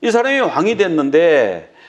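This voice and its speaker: A man's voice: fairly high pitch, huge pitch swings, moderate pace, lo-fi sound. A male pastor preaching a sermon, dramatically acting out the words of biblical figures. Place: church.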